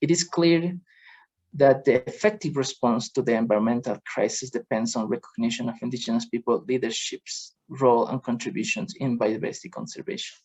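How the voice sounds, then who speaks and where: A man giving a formal presentation over a video call, halting with many fillers and restarts. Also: mid-range voice, darkish tone, slightly rough, rough recording. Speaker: presenter from a convention secretariat.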